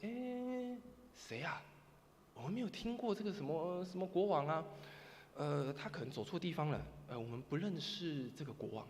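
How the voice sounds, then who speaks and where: A man's voice: fairly high pitch, lively intonation, normal speed, slight background noise, close to an everyday voice. A man voicing a doorkeeper inside a church who brushes off callers with curt questions, within a sermon. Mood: muttering. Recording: reverberant church hall.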